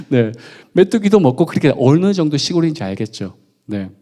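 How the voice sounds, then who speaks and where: At midweek service, a man from Gunwi, North Gyeongsang, South Korea, preaches in a slightly high, mellow, sing-song voice at normal speed. The pastor keeps things light and conversational, joking around and quizzing his listeners.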